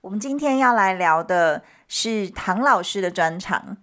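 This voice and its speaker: A woman's voice: medium pitch, lively intonation, a little slow, a bit bright. A woman hosting a show in a casual, conversational style. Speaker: host. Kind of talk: casual chat.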